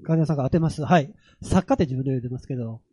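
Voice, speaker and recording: A man's voice: mid-range voice, racing, warm tone, breathy edge, no echo. A man with a Kansai accent chatting and explaining things as a guest, often adding short affirmations. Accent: Kansai Japanese. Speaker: guest, horror and ghost-story writer. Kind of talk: casual talk show conversation, explaining.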